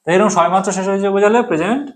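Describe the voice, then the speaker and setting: Man teaching grammar, slow dictating style. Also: high voice. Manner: slow, repetitive, dictating example sentences word by word. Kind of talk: explaining grammar lesson.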